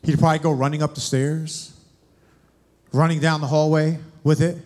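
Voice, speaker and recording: Male preacher, young adult, animated, questions to the congregation, fairly high voice. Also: moderate pace. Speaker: guest preacher. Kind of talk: sermon.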